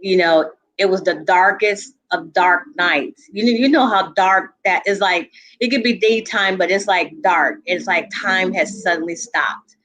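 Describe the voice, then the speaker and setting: A woman in a group conversation, telling a painful personal story earnestly, with halting restarts and frequent asides of "you know". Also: on the low side, fairly even intonation, fairly bright tone. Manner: earnest, reliving a painful memory. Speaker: panel guest.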